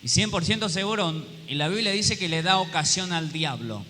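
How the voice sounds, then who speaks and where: A man's voice: sits high, normal speed, bright, forceful tone. A pastor preaching a sermon to his congregation, often asking them questions and acting out little quoted scenes with humor. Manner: call-and-response questions to the congregation. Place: church hall. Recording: long hall reverb with faint room noise.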